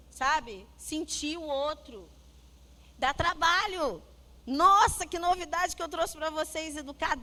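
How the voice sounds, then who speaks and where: A middle-aged Brazilian woman, a psychologist, giving a lively church talk on parenting and acting out family dialogue as she tells stories. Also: high-pitched. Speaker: guest speaker, psychologist.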